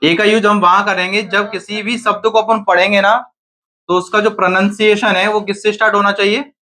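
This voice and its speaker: Guy teaching grammar to a class, high bright voice, keeps quizzing students. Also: little pitch movement, fairly quick. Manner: asks students questions and answers them himself.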